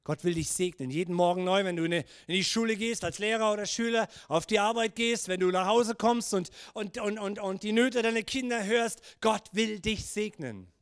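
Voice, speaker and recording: A pastor delivers his sermon in a notably high voice for a man. He speaks earnestly and urges his listeners on, sinking low and quiet whenever he gives God's words. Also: normal speed, hardly any pauses, clear, resonant tone. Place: church service.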